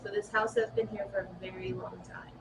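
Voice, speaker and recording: A woman's voice: mid-range voice, flat delivery, a little fast. A woman who works as a florist, casually telling ghost stories about the house she works in, with laughter between stories. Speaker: shop owner and florist. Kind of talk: casual storytelling to ghost hunters. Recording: distant mic with loud background noise.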